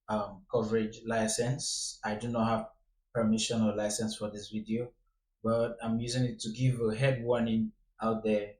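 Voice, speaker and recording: A man's voice: fairly low pitch, darkish tone. Earnest man pleading in an echoey room. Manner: earnest, repeating pleas to be careful. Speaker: vlogger giving a warning. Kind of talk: casual direct-to-camera commentary.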